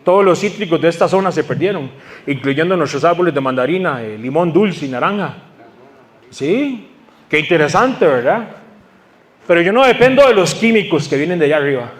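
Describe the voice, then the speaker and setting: Animated high-voiced man preaching. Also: brisk. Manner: preaching with call-and-response questions to the congregation. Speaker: pastor. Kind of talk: sermon.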